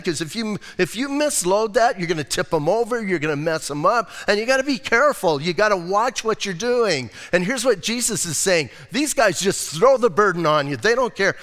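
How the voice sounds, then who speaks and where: A man's voice: high voice, a bit bright. An older man preaching a sermon as a pastor, conversational and emphatic, with frequent casual asides. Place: church sanctuary. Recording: long church reverb.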